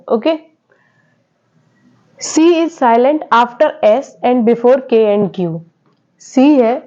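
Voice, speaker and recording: High-voiced woman teaching English lessons. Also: a little mellow. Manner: repeats words and quizzes students with questions. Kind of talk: classroom-style lesson. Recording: dull lo-fi sound.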